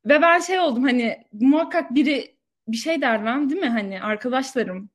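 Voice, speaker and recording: A young woman in her twenties talks casually with a friend. She tells stories in an animated, slangy way, and her voice sits a little high. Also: fairly quick. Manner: animated storytelling with slang and laughter. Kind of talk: casual chat.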